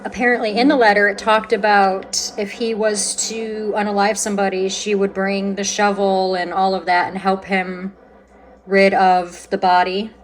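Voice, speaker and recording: A woman hosting a paranormal session, talking casually and conversationally, commenting and putting questions out loud, with pauses to listen. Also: mid-range voice, monotone, low-quality recording. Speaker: host of a paranormal spirit box session.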